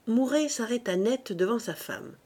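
A woman reading a classic novel aloud as an audiobook narrator, measured and unhurried, lifting her voice for the characters' lines. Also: lively intonation, warm tone, husky. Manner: measured, voices characters with raised pitch and volume. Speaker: audiobook reader.

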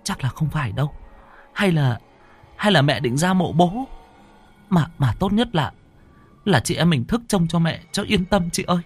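A man's voice: on the high side, expressive, moderate pace, pauses often, husky, pitched above the performer's own voice. Man voicing a flustered anxious young woman. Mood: worried. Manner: flustered, stammering.

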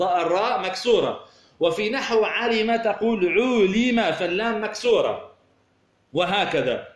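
High-voiced male teacher in an echoey room. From Tunisia. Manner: asks rhetorical questions and repeats words while explaining; draws out example words slowly. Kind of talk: classroom grammar lesson.

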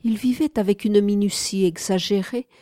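A woman narrating a literary audiobook in a calm, measured way. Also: medium pitch, no room sound, clean studio sound.

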